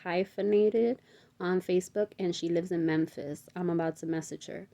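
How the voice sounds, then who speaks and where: A woman's voice: fairly low pitch, moderate pace, lightly acted. A woman reading aloud as a practical, level-headed sister who speaks firmly. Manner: firm, calming.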